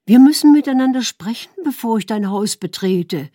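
A woman's voice: mid-range voice, lively intonation, unhurried, warm tone, slightly rough, no echo, clean studio sound, voice pushed up. A woman voicing a deceived young wife who heaps accusing, pleading questions on her husband. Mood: reproachful.

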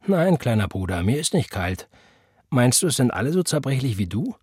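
A big, strong teenage boy, as a male narrator puts him on, loud and mockingly bossy with mock threats. The voice is lifted above the reader's own, a little husky and very dry. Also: mid-range voice, big pitch swings, moderate pace, no room sound. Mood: teasing. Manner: teasing mock threats, raised voice.

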